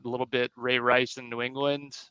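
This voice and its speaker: A man co-hosting a sports podcast, giving quick, energetic game analysis in casual chat. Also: medium pitch, clear, resonant tone, dry recording. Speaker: podcast co-host. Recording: dull lo-fi sound.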